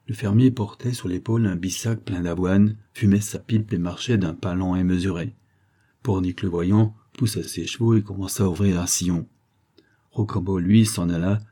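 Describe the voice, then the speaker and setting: A man reading a classic novel aloud as an audiobook narrator, in a measured storytelling manner. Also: low-pitched, mellow, husky.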